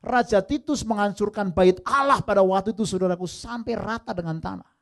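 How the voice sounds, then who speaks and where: A male pastor preaching a sermon, swinging from loud emphatic peaks to soft low asides and mixing in English phrases. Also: a little fast, gravelly. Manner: lively preaching, mixing English phrases, addresses listeners as brothers and sisters.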